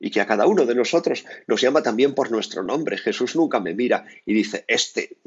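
Male priest from Spain, conversational meditation, breathy rasp in the voice. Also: medium pitch, a little fast, muffled recording. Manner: conversational, frequent tag questions, lively asides. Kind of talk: spoken meditation.

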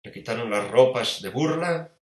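A Spanish man preaches with vivid storytelling, firing rhetorical questions and dropping to a hush. His voice sits at an ordinary pitch and rings through an echoey room. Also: lively intonation, normal speed. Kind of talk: dramatic sermon storytelling.

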